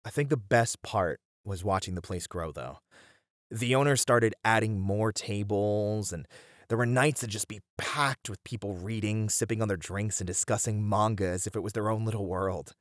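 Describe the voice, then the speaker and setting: This casual ASMR roleplay has a man voicing a friendly young bunny boy, a chatty, welcoming regular at a manga cafe, in a fond, nostalgic mood. He talks in an easygoing way with slangy hesitations, his lowish voice at normal speed, lightly acted, captured as clean studio sound with no echo.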